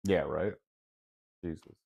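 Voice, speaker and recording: A man's voice: low voice, fairly even intonation, slow pace, gravelly, darkish tone, slightly rough. A man co-hosting a podcast, reacting in short, laughing interjections during casual chat. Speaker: podcast co-host.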